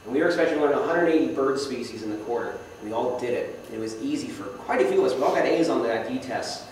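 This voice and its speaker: Speaking quickly in a mid-range, slightly mellow voice, a young man gives a relaxed slideshow talk to a club as a guest speaker. He jokes at his own expense and quizzes the audience. It was recorded in an echoey meeting hall with the mic far away and faint background noise.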